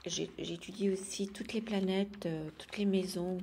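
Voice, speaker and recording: A woman vlogger chatting casually and gently about her daily routine, hesitating often with fillers. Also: mid-range voice, fairly even intonation, measured pace, noisy background. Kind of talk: casual chat.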